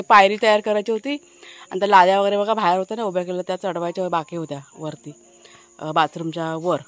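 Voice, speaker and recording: A woman casually chatting to her viewers while showing a village garden outdoors, with many fillers. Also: medium pitch. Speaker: vlogger. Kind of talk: casual village vlog narration.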